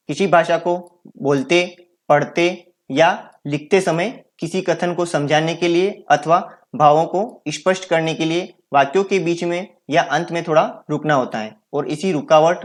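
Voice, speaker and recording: A man gives a grammar lesson in a slightly raised voice, going through each point step by step. He often poses a question and then answers it himself. A low mains hum runs under the recording. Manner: explains step by step, asks and answers his own questions. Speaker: teacher.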